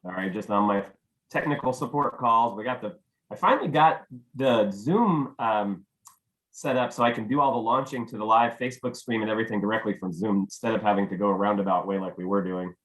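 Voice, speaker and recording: A man, a little hoarse, chatting casually while setting up a video call as host. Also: lowish voice, fairly quick, a bit bright, rough recording. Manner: chatty, easygoing, mutters while working. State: losing his voice. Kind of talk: casual Zoom tech check. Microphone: computer mic on video call.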